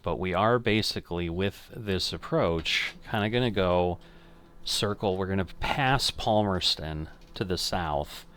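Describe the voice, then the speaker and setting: A man's voice: deep voice, a little slow, fairly bright tone. An older man casually commenting on a flight simulator game, thinking aloud and correcting himself as he goes. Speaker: flight sim streamer.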